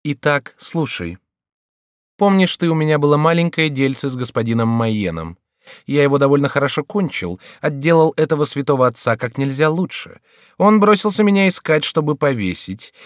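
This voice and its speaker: A man's voice: on the high side, no echo, clean studio sound, pitched above the performer's own voice. A man voicing a sardonic male court jester who teases and scolds a king in an audiobook.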